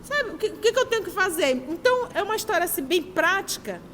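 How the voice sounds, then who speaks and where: High-voiced woman teaching. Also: fast talker, long reverb tail, slight background noise. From Manaus, Brazil. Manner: animated, emphatic, storytelling. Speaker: spiritist study group leader. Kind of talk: teaching with personal anecdotes.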